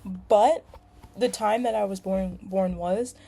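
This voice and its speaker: A woman's voice: mid-range voice, slow, gravelly, mellow. Rambling young woman introducing herself. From California. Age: young adult. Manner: rambling, frequent ums and likes. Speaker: nursing student. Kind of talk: casual self-introduction video. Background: lawnmowers outside.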